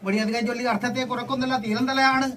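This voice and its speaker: A woman's voice: fairly high pitch, fairly even intonation, fast, a bit bright. A woman with a north Kerala accent speaking as a possessed ritual oracle, proclaiming solemnly in a chanted declamation. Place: at a live temple ritual, distant mic. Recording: distant, noisy field recording of a ritual.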